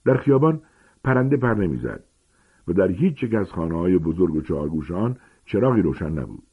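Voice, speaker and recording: Deep, husky storybook narrator. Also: male voice. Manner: dramatic, expressive reading. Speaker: audiobook narrator. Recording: tinny phone-like sound.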